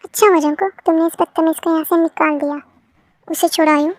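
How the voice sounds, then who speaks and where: A woman's voice: very high-pitched, steady tone, a little fast, no room sound. A woman voicing a haughty, rude rich young woman in an amateur fan dub. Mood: smug. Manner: arrogant, whiny.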